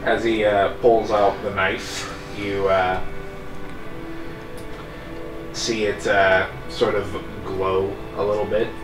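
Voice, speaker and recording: Male game master, slightly low voice, halting casual storytelling, roomy sound with music underneath. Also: little pitch movement, far from the mic. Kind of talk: improvised tabletop game narration.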